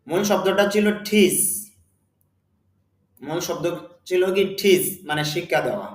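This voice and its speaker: A man with a Bengali accent teaching a spoken English lesson, speaking slowly and deliberately and repeating words for his students. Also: on the high side, animated, echoey room.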